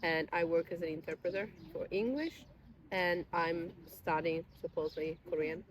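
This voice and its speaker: A woman's voice: on the low side, normal speed, rough recording. A woman in her twenties, a guest in a casual chat outdoors in a park, explaining at length in a thoughtful, self-deprecating way. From Italy. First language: Italian.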